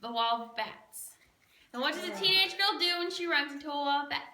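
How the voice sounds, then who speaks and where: A woman's voice: sits high, animated, brisk. A woman leading a guided cave tour, explaining with a cheerful joking manner, her voice echoing off the cave walls. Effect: cave echo. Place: inside a limestone cave. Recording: echoey cave, voice from a distance, faint noise.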